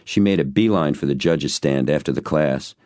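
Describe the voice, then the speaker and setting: A man's voice: very deep voice, normal speed, darkish tone, dry recording, clean studio sound. A man reading an audiobook and voicing a spirited, amused young woman.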